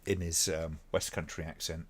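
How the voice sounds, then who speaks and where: A man's voice: very deep voice, little pitch movement, normal speed. A man from the UK hosting a live stream, chatting casually and chuckling as he rambles with fillers. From United Kingdom. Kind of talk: casual chat reacting to old clips.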